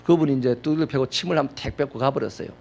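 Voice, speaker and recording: A male pastor preaching a sermon, telling personal stories dramatically, swinging from loud outbursts to hushed asides. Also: medium pitch, racing, creaky.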